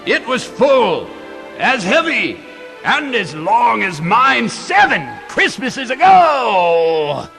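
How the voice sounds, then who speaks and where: Jacob Marley's gravelly, echoing ghost. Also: male voice, very high voice, big pitch swings, bright, forceful tone, heavily acted. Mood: grave reproach. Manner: slow, mournful, theatrical wailing and declaiming. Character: tormented male ghost of a dead miserly businessman. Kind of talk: live radio drama acting. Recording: long hall reverb with music behind.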